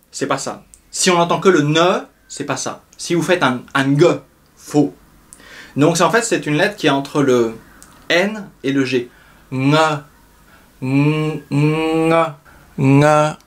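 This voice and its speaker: A young man teaching a pronunciation lesson, patiently explaining each sound and repeating it several times. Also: on the high side. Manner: explains slowly, repeating sounds and drawing them out. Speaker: language teacher.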